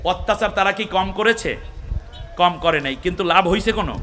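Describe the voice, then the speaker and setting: A man preaching a sermon, asking his listeners questions and chanting Quranic verses slowly. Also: high voice, a little hiss or hum. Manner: rises to shouting at climaxes; asks the crowd questions and calls for responses. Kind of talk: Bengali waz sermon.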